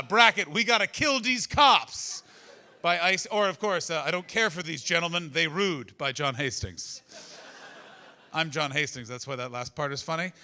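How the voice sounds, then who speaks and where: Bright, forceful male stand-up comic doing crowd work. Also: on the high side. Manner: conversational, profane, teasing the audience. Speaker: stand-up comedian. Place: live comedy venue with an audience.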